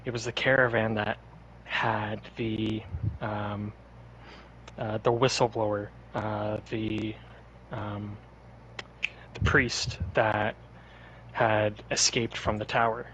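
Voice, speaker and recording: A man's voice: lowish voice, flat delivery, slow, long pauses, fairly bright tone, a little hiss or hum, low-quality recording. A man guest on a podcast, telling stories in a rambling, laid-back casual way. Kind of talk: casual chat.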